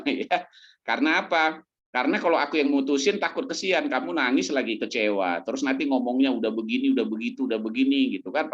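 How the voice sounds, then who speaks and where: A male pastor delivers his sermon like a friendly conversation, asking questions and answering them himself. His pitch rises and falls freely through each sentence, and the recording sounds a little dull and lo-fi. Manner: lively, conversational preaching with humorous examples.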